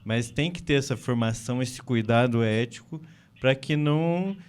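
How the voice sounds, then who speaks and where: A man in a podcast discussion speaking in a measured, thoughtful way with many pauses. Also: medium pitch, a little mellow, clear, resonant tone. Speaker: physician podcast guest.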